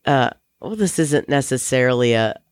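Co-host: mid-pitched, easygoing and joking, dry close mic. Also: normal speed, clean tone, no echo. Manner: relaxed, reflective, joking. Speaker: podcast co-host. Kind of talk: casual chat.

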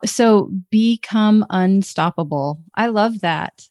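An upbeat woman interviewing a guest, full of encouragement and praise. Her voice sits at a middle pitch and sounds close and dry. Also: slow, darkish tone, no echo. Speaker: interviewer host. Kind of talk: friendly interview chat.

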